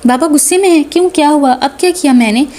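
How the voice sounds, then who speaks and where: A woman reading a novel aloud, voicing a flustered, quick-tempered young man. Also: sits high, darkish tone, natural voice. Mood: flustered, angry. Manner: flustered, scolding. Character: teasing man, cousin, easily angered.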